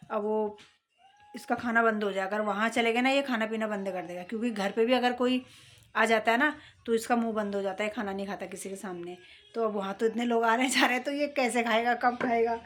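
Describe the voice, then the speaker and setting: A middle-aged woman vlogger talking casually and at length, with rambling, conversational storytelling and frequent throat clearing. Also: on the high side, fairly bright tone. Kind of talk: casual chat.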